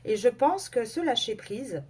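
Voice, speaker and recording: A woman giving a casual tarot and oracle card reading to her viewers, talking in a halting way with many fillers and self-corrections. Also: a little high, lively intonation, a little mellow, breathy edge.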